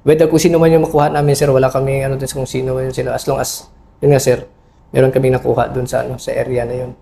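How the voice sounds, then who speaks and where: A middle-aged man, an army officer, recounting a battle in an interview, halting and full of fillers, respectfully calling his listener sir. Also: mid-range voice, flat delivery, creaky, warm tone, a little hiss or hum. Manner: respectful toward a senior officer. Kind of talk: interview recollection.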